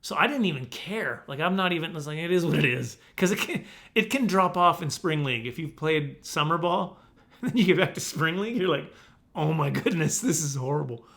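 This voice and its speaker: Bright-voiced comedian telling stories. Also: male voice, fairly high pitch, lively intonation, a little fast. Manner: mock-defensive, repeats himself for comic effect. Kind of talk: comic storytelling monologue.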